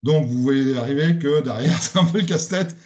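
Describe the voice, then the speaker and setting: A man's voice: fairly high pitch, brisk, darkish tone. A man giving a spoken lecture presentation, hesitant, with many fillers and restarts.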